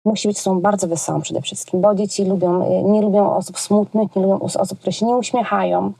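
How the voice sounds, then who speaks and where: Woman from Poland, children's entertainer, chatty and informal, warm mellow tone, dry close sound. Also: mid-range voice, fairly even intonation, fast, gravelly, slightly rough, dry recording. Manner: chatty and colloquial, frequent hesitations. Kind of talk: casual interview chat.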